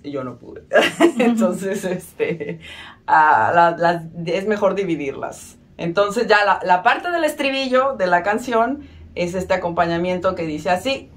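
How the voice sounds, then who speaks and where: A woman's voice: mid-range voice, a bit bright. A woman giving a casual violin lesson, friendly and self-mocking, counting beats aloud. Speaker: violin teacher.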